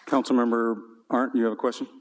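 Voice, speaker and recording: A man's voice: medium pitch, little pitch movement, quick pace, a faint crowd, a little hiss or hum. A man who is mayor chairs a city council meeting in a brief, procedural way, with some hesitations. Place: council chamber.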